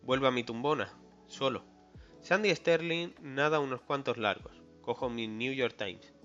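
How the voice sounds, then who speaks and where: A man reads a first-person novel aloud in a wry, conversational way. His voice is bright and forceful. The recording is slightly dull, with faint music underneath. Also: mid-range voice, measured pace. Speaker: audiobook reader.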